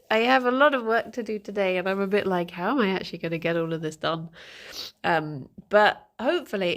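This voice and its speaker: Giggly and talkative despite her blocked-up nose, this young streamer chats with her audience in the morning and calls out viewers by name. Her voice is medium in pitch and a bit bright.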